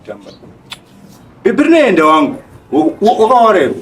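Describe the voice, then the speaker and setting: A man plays a pushy, street-smart Zimbabwean friend in a comedy skit. His voice is high and swings widely in pitch. He fires off slangy advice at a fast clip, prodding the listener along. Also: huge pitch swings, fairly bright tone, a little hiss or hum, heavily acted. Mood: urging.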